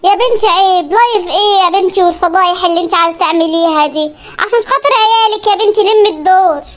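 A performer voicing an older Egyptian man, the husband's father, who slowly and calmly lectures the quarreling couple. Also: very high-pitched. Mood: scolding. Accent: Egyptian Arabic. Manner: slow, soothing, moralizing.

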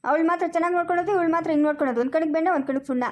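Rapid high-voiced arguing woman. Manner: insistent, argumentative. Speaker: son defending his wife. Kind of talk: amateur family drama acting.

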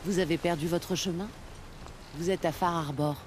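A woman's voice: lowish voice, steady tone, normal speed, background noise, close to an everyday voice. An actress voicing a firm woman who leads a harbor town in a video game, giving orders with authority. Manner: firm, commanding. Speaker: game character.

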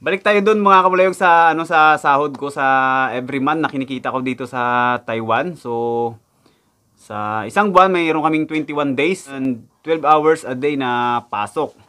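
A young Filipino man working in a factory abroad vlogs casually indoors in front of a backdrop about his wages. His voice sits on the high side, bright and forceful at a normal pace, and he chats with viewers, repeating his figures.

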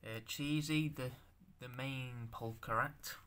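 Halting young man with a bright voice. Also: medium pitch, fairly even intonation, smooth. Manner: halting, stammering, swears, self-conscious. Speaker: stop-motion creator showing his figures. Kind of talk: casual show-and-tell.

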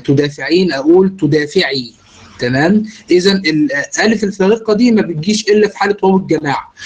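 A man with an Egyptian Arabic accent, his voice sitting a little high. He teaches a grammar class patiently, step by step. He keeps turning to his students with questions. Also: low-quality recording. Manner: explains step by step, quizzing students. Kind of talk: online grammar lesson.

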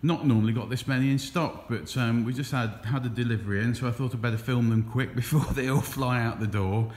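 Strolling a big trailer warehouse with his phone camera, a chatty English dealer shows off products in a relaxed way, saying um often. His voice is medium-pitched and fairly brisk, and the recording echoes with a low hum.

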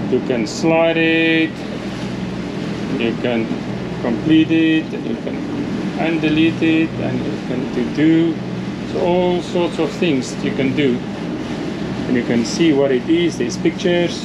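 A man in his fifties, a solo sailor, explaining things casually with restarts and chuckles, filming himself with a hand-held camera on a sailing catamaran at sea. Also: fairly high pitch. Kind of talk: casual vlog. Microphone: camera held at arm's length. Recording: loud wind and boat noise. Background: wind, water and engine noise.

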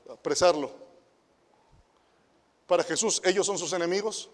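A Mexican man with a high voice preaches a sermon to the youth, peppering it with rhetorical questions. He drops to hushed asides, then rises to loud, emphatic declarations. His voice trails off into the long reverb of a hall. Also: normal speed. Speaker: pastor and youth director.

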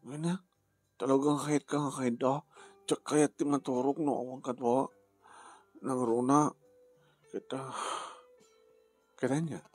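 A man's voice: mid-range voice, fairly even intonation, a little slow, long pauses, a little mellow, breathy edge, faint music behind. A man speaking heartfelt family drama dialogue.

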